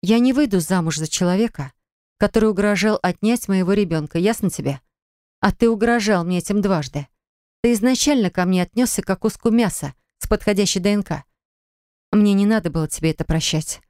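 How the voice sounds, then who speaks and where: A woman narrator voicing an indignant, stubborn young woman in an audiobook, answering in sharp, reproachful retorts. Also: medium pitch, a little fast, no echo, clean studio sound, voice pushed up, natural voice. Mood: cold. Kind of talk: audiobook character reading.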